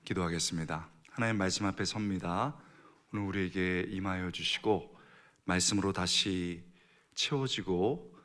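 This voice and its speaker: A middle-aged man preaching a sermon as a pastor in a church. He moves between hushed, almost whispered lines and raised, emphatic passages. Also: low voice, moderate pace.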